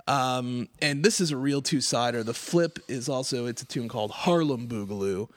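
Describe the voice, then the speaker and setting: A man's voice: medium pitch, normal speed. A middle-aged man from Quebec hosting a radio music show, chatting casually about records with many fillers and "like"s. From Quebec, Canada. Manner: rambling, filler-heavy, many "like"s. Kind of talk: casual on-air chat.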